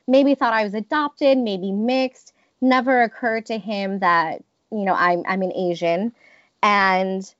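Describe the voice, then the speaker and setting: A woman in her thirties from the US recounts personal stories in an interview, thoughtful and hesitant, restarting often. Her voice is medium-pitched with a fairly bright tone. There's no room sound, and the recording is muffled.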